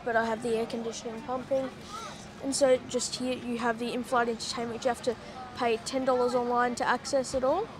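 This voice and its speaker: A woman's voice: a little high, noisy background. A woman giving casual travel vlog commentary with dry, sarcastic asides, recorded on a handheld camera. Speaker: travel vlogger. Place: airport terminal and plane cabin.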